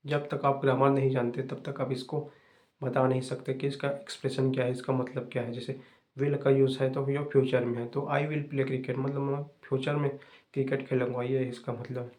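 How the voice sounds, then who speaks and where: A young man hosting an English-learning channel, giving fast, repetitive, casual advice to viewers. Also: medium pitch, little pitch movement, darkish tone.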